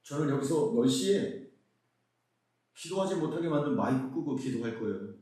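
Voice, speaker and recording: A man's voice: medium pitch, normal speed. A middle-aged male pastor from Seoul preaching a conference sermon, asking the crowd questions as he goes. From Seoul, South Korea. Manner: lively preaching with rhetorical questions. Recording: very echoey hall, mic far off.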